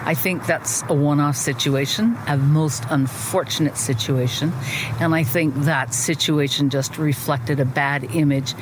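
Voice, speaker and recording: A man's voice: a little high, steady tone, unhurried, noisy background. Man answering carefully in a street interview. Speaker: local interviewee.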